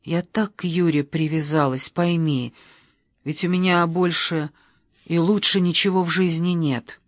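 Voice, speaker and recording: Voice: mid-range voice, unhurried, no echo. An audiobook reader voicing a desperate adult woman who pleads in a tearful, begging way.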